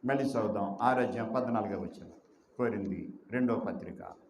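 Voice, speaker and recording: A man's voice: on the low side, moderate pace, roomy sound. A man preaching a sermon as pastor, emphatic, asking rhetorical questions and drawing out repeated phrases.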